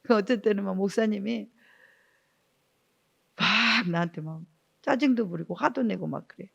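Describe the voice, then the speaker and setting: Gravelly-voiced woman pastor giving testimony. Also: medium pitch, moderate pace, a bit bright. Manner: earnest storytelling with rhetorical asides. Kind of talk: testimony sermon. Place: church sanctuary. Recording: dull lo-fi church recording.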